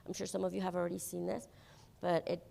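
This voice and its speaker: Woman presenter, under the weather, gravelly, informal. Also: fairly low pitch, completely flat delivery, fast talker, mellow, long reverb tail. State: getting sick. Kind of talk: staff presentation.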